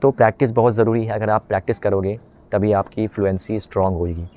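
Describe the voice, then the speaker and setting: A man giving a casual spoken lesson for English beginners, rambling with fillers and restarts, now and then slowing into careful English phrases. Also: lowish voice, fairly even intonation, mellow. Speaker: English-learning video host.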